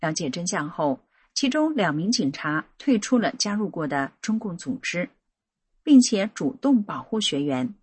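A woman hosting a radio program, giving a measured, expressive scripted narration. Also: husky, no room sound. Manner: measured, expressive reading with lively pitch.

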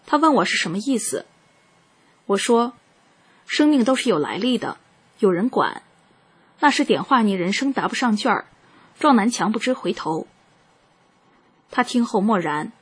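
A woman with a very husky, breathy voice reads a personal account aloud. Her delivery is calm and measured, at a middle pitch, like scripted first-person narration.

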